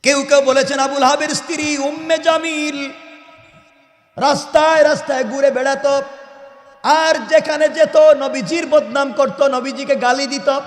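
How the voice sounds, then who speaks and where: A man preaching a sermon in a high voice, his words ringing through a large echoey hall with a long reverb. He swings from loud shouts down to low, intense speech. He keeps pressing his listeners with rhetorical questions. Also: steady tone, unhurried. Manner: asks the audience rhetorical questions. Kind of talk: Islamic sermon.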